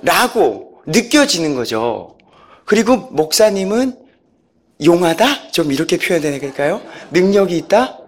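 A man's voice: sits high, very animated, unhurried. A man giving a personal church testimony, storytelling with animation, acting out quotes and chuckling as he goes.

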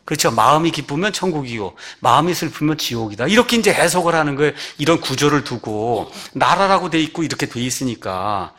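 A man preaching a sermon, often asking his listeners rhetorical questions and swinging between raised, emphatic phrases and low, quiet endings. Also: expressive, a little fast, few pauses. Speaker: pastor.

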